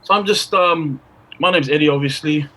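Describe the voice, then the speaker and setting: A man's voice: a little high, normal speed, a bit bright. A man, a podcast guest chatting casually in a playful, slangy way. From Australia. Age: 20s. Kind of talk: casual chat.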